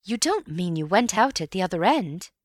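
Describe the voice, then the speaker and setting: An eager, excitable young man in a storybook, firing off quick questions, as a woman narrator puts him on. The voice sits low and moves at an unhurried pace. It is recorded dry and close. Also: no echo. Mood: excited.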